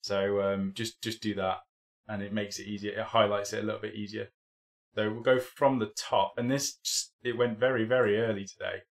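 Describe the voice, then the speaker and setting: This young man, hosting a live stream about his hobby, wanders through easygoing chatter with many ums and restarts, a little fatigued after a cold. His fairly low voice keeps a level tone at normal speed.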